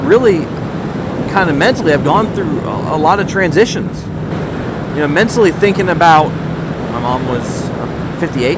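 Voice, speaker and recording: Guy motovlogging inside his helmet, kinda high voice, rambly earnest chat, super loud road rumble. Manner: rambling, thinking aloud, earnest. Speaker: vlogger talking to subscribers. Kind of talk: casual motovlog monologue. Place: inside a helmet on a moving motorcycle outdoors. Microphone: microphone inside a motorcycle helmet.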